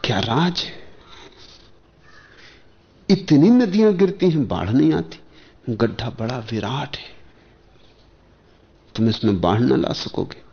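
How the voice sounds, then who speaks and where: A man, a spiritual teacher, giving a discourse in measured short phrases with pauses and rhetorical questions. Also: medium pitch, sing-song, vocal fry. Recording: dull lo-fi archival lecture tape.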